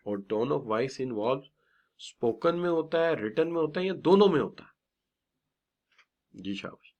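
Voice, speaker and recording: A middle-aged male lecturer teaches at an unhurried pace. His pitch rises and falls widely as he stresses and stretches key words. He drops English terms into his lesson and praises students often. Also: a little mellow. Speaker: business communication teacher. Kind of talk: classroom lecture.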